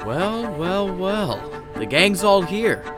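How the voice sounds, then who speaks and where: An actor playing an evil robot villain in an audio drama, mocking and theatrical, with drawn-out, gloating taunts. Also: mid-range voice, big pitch swings, over music. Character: menacing gloating teenage-posing evil robot, taunting and smug.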